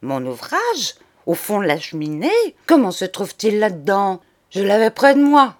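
A woman putting on an old spiteful penny-pinching lady in a storybook, yelling shrill insults, high and loud, her voice jumping all over. the cruel guardian figure, all rage and scorn. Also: sing-song, normal speed, natural voice. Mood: furious scolding. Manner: shrill, scolding outbursts. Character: spiteful miserly older woman, furious.

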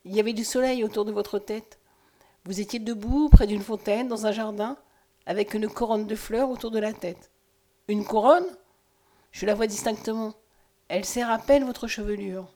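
Woman reader doing a haunted, pleading man with no memory; earnest, slightly high. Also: moderate pace, pauses often, darkish tone, lightly acted. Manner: earnest, impassioned.

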